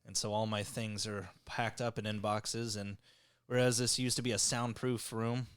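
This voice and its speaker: A man's voice: fairly low pitch, level tone, moderate pace, fairly bright tone, clean tone. A man hosting a podcast with wry, joking, profane casual banter, recorded in an echoey emptied room that sounds like a cave. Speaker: podcast host. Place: emptied room at home, packed boxes.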